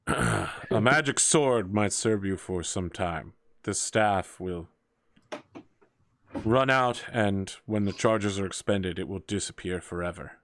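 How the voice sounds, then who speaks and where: A man voicing an older male armorer who speaks slowly and solemnly in a tabletop game. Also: on the low side, a bit bright, dry recording.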